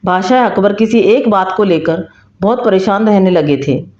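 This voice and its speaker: A woman tells folk tales in steady, measured storybook narration. Her voice sits at a middle pitch. The recording sounds roomy and slightly dull.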